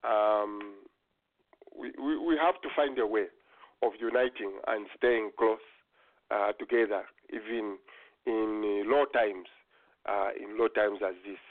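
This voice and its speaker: Halting man moderating over a tinny call. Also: lowish voice. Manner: halting, many fillers and restarts. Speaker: forum moderator. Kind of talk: hesitant online meeting chat. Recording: tinny phone-like call audio.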